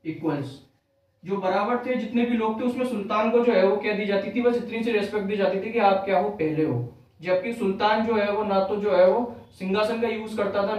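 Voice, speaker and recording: A man's voice: high-pitched, a little mellow, recorded from a distance. A man teaching a history lesson for exam prep, repeating each key fact as a question and then answering it, with English terms mixed in. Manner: mixes English terms into Hindi. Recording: very echoey room, voice off-mic.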